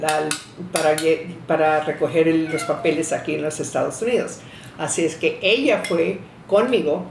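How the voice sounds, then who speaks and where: Older woman reminiscing, halting, roomy sound. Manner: halting, restarts sentences, laughs at memories. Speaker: interviewee. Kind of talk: reminiscing storytelling. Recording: roomy echo, faint rumble.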